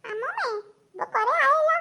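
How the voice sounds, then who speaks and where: A woman's voice: very high voice, animated, a little fast, bright, forceful tone, pitched above the performer's own voice, exaggerated voice. A woman voicing a cheeky young schoolboy in a cartoon, in a joking, chatty way.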